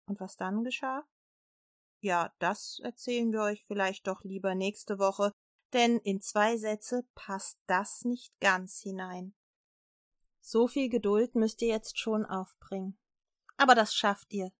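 A woman telling a Bible story to children and closing with a prayer, speaking gently and addressing her listeners directly. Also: mid-range voice, fairly even intonation, measured pace, dry recording, clean studio sound.

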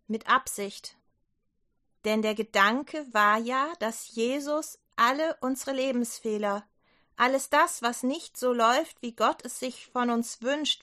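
A woman reading and explaining a children's Bible story in a gentle, clear storytelling way. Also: on the high side.

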